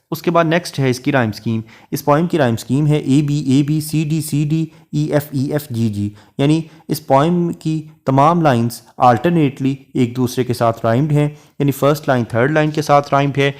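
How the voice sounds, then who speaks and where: Measured male lecturer explaining poetry. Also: medium pitch. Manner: reads English verse lines slowly, then explains in Urdu-flavoured Hindi. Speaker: literature lecturer.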